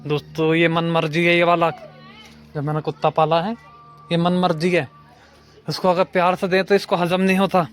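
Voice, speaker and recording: A young man talking to his viewers in a comic, deadpan village vlog while doing chores at home. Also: fairly high pitch, moderate pace, faint music behind. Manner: deadpan joking, addresses viewers as friends. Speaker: vlogger. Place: village home, outdoors while washing clothes.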